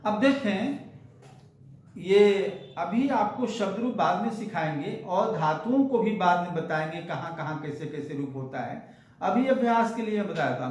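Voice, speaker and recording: A man teaching Sanskrit grammar, patiently drilling example sentences one after another. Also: high voice. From India. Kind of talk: grammar lesson. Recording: very echoey room.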